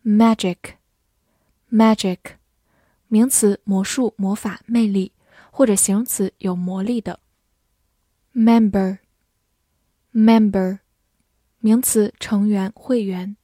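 A woman teacher drills vocabulary very slowly and deliberately, saying each word twice. Her voice is mellow and warm. The recording is dry and close. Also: mid-range voice, steady tone, no room sound. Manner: says each word twice, slow and clear. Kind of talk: vocabulary review lesson.

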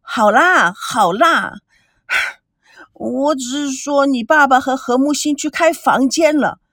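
A woman's voice: high voice, slow, fairly bright tone, no echo, studio quality, voice pushed up. A woman voicing a jealous, guilty woman who stammers, whines and pleads in an audiobook. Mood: whiny, evasive. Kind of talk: audiobook character reading.

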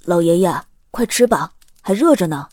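A man's voice: high-pitched, animated, moderate pace, warm tone, breathy edge, no echo, studio quality, pitched above the performer's own voice. A man voicing an earnest, caring young boy in an audiobook, lifting his voice into a boyish tone. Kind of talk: audiobook character voice.

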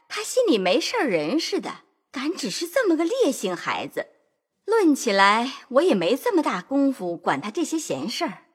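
A woman playing a sharp, quick-witted noblewoman who runs a great household, talking briskly. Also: high-pitched, husky, full character voice. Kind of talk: audio drama acting.

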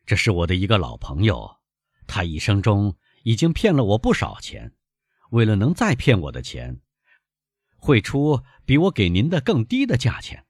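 A man reading aloud, voicing a calm, shrewd young gentleman who teases and bargains. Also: fairly low pitch, normal speed, slightly rough, no room sound, studio quality, pitched above the performer's own voice, exaggerated voice. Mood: bargaining. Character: young gentleman, calm, knowing, quick-witted.

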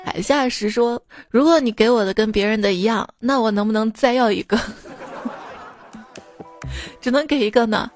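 A woman's voice: a little high, normal speed, pauses often, soft background music. A woman hosting a podcast, reading listener jokes aloud in a chatty, teasing way. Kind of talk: casual comedic reading.

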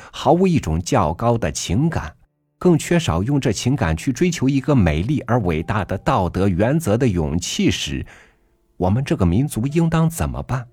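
A man reading a literary essay aloud for a podcast, measured and earnest, rising emphatically on rhetorical questions. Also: deep voice, breathy edge, no echo. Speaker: podcast reader. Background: soft background music.

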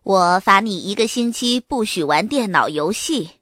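A woman reading a storybook aloud and voicing a busy mother who speaks in a calm, lower, measured tone. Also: dry recording, clean studio sound. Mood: firm. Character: mother, busy and firm but gentle.

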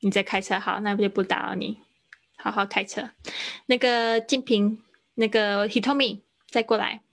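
A woman's voice: medium pitch, steady tone, moderate pace, gravelly. A woman teaching English pronunciation in a live online lesson, correcting and drilling words one by one over a video call.

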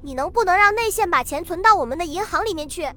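A woman's voice: very high-pitched, lively intonation, quick pace, pushed and bright, exaggerated voice. A woman reading the lines of a confident, dismissive older male official in a novel, speaking in a self-assured, offhand way.

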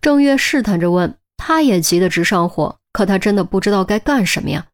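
A woman reading a crime audiobook in a steady storytelling manner. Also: medium pitch, a little fast. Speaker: audiobook narrator. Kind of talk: scripted audiobook narration.

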